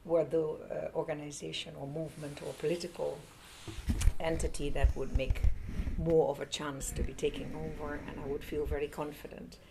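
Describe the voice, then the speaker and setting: A woman's voice: low-pitched, level tone, normal speed, gravelly, noisy background. A woman from the Netherlands serving as an ambassador, answering interview questions with many hesitant fillers.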